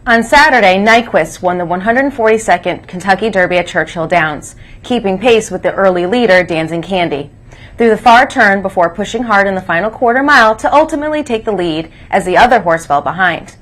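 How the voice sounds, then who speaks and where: A woman's voice: medium pitch, lively intonation, fairly quick, a bit bright. A woman reading scripted news and announcements as co-host of a school morning broadcast. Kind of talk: scripted announcements, read aloud.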